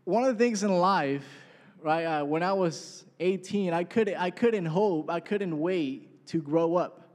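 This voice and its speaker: Preaching in an echoey church hall, this twenty-something man talks to the congregation in a conversational way, regularly checking in with them and dropping "right?" asides. His voice is high-pitched and a little mellow.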